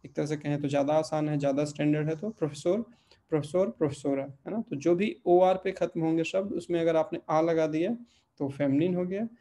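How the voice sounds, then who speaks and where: Patient teacher drilling word forms. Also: male voice, fairly high pitch, steady tone, warm tone. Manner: patient, repeats word forms slowly, checks in with "ठीक है". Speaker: Portuguese language teacher. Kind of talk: online language lesson.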